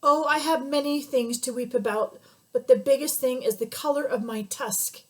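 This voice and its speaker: A woman voicing a gloomy old male rhinoceros who weeps over his yellowed tusk, speaking loudly and mournfully. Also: fairly even intonation, moderate pace, close to an everyday voice, low-quality recording. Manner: loud, deep-acted, weepy grumbling.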